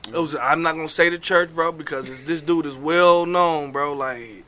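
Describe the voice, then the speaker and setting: A man's voice: fairly high pitch, normal speed, bright, forceful tone. A man chatting and telling stories casually, in an emphatic, repetitive, slangy way. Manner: emphatic, repetitive, says "bro" constantly. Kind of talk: casual chat and storytelling.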